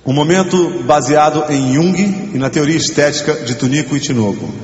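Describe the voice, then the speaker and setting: A man on stage as a comedian, bossily coaxing a live audience with sudden shouted bursts. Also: on the high side, normal speed, highs cut off, slight background noise. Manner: animated, bossy coaxing of the crowd, bursts into shouting. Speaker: comedian leading an audience sing-along. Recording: echoey live hall with music.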